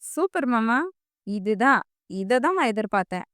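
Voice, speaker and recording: A woman's voice: fairly high pitch, expressive, normal speed, a bit bright, dry recording, clean studio sound. A woman voicing a possessive, scheming teenage girl who snaps and accuses in an audiobook. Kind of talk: audiobook character voice.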